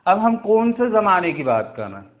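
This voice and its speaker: A man's voice: high-pitched, sing-song, normal speed. A man teaching English grammar in a video lesson, drawing out words and checking in with his students again and again. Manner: drawing out words and repeating "theek hai" and "bhaiya" to check in with students. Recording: tinny phone-like sound.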